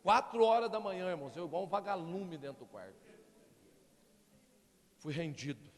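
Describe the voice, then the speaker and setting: A middle-aged man preaching from the pulpit, his pitch swinging widely as he keeps calling out to the congregation. His voice sits a little high for a man, and it rings out with a long reverb in a church hall. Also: moderate pace. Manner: animated preaching, constant appeals to the congregation. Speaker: pastor. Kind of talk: sermon.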